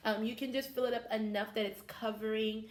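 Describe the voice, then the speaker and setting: High-voiced woman, kids show host manner. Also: flat delivery, a little fast. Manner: kids show host, addressing children as friends. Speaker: children's teacher hosting a science activity. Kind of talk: step-by-step lesson for young children.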